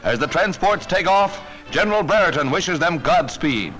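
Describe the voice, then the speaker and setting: A man's voice: fairly high pitch, animated, moderate pace, poor audio. A man narrating a 1940s newsreel in a rousing, emphatic announcer style, with the sound of an old newsreel. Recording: narration over loud orchestral music.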